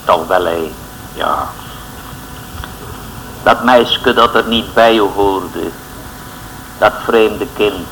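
A man's voice: fairly low pitch, bright, forceful tone, slight background noise, rough recording. A man preaching a fervent, pleading sermon in a church, speaking. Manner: fervent, pleading, addresses listeners as boys and girls.

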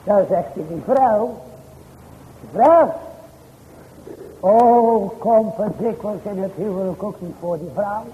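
A man preaching a sermon in old-fashioned, formal church language. He addresses his hearers directly, with sudden rises and drops in pitch and loudness. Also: measured pace, hardly any pauses, long reverb tail, narrow, tinny audio, a little hiss or hum.

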